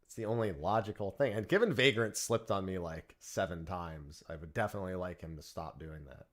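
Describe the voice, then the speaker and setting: Guy with a lowish voice hosting, just chatting in a group voice call. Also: a little fast. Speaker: stream host. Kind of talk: casual group voice chat.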